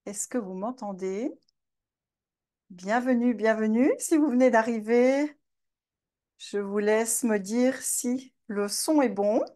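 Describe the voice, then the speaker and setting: A woman from Belgium with a Belgian French accent, hosting a live online master class. She talks in a chatty way, greets attendees by name and fills her pauses with hesitations. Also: on the high side, warm tone. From Belgium, Namur region. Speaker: webinar host and trainer.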